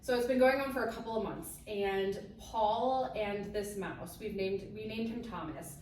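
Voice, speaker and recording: A woman co-hosting a casual podcast, telling an animated story, acting out quotes and laughing often. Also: mid-range voice, normal speed. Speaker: podcast co-host. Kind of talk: casual chat. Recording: roomy, distant mic, faint hiss.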